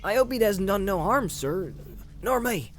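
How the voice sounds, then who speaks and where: Guy reading as a humble country hobbit, loud-ish, higher, says sir a lot, rustic. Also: animated, unhurried, slight background noise. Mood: flustered. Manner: rustic, deferential. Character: loyal male hobbit servant, humble and earnest.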